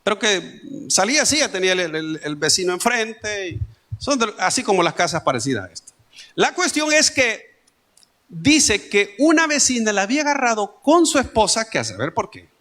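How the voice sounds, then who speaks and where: A man's voice: sits high, big pitch swings, moderate pace, sharp tone. A male pastor with a Salvadoran Spanish accent, preaching a sermon in a conversational way with homely stories and asides. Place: church.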